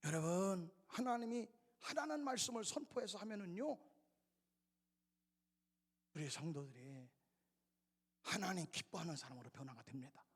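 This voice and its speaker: A male pastor preaching an expository sermon, acting out quoted voices, swinging between shouts and whispers. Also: high voice, lively intonation, normal speed, long pauses, slightly rough. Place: church sanctuary. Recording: reverberant church sanctuary.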